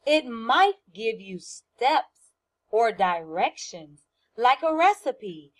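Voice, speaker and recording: Speaking as a first-grade teacher, a woman with a fairly high voice works very slowly through a lesson for young children. She's very animated, explains in simple terms, repeats key points and asks her listeners questions.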